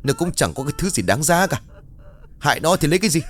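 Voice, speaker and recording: A man voicing a gruff, cold-hearted drunken father who talks harshly and scolds. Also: a little high, very animated, quick pace, pitched above the performer's own voice. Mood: harsh scolding.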